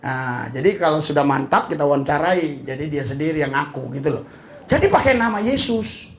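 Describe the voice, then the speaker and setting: A man's voice: a little high, expressive, a little fast. A middle-aged man preaching a humorous sermon as a pastor, joking and laughing as he goes. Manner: joking, laughing, mixing in slang. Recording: echoey hall.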